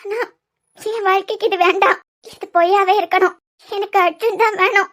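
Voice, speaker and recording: A woman's voice: very high-pitched, steady tone, moderate pace, a bit bright. A woman with a Kanyakumari Tamil accent voicing an anxious young wife in a cartoon web series, her speech pleading and tearful. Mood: worried, tearful.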